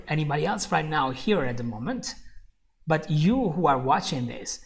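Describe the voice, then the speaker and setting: Slightly high and gravelly, this young man's voice carries an Italian accent from his native tongue. He runs an upbeat live English class online, talking straight to viewers and going over phrases again.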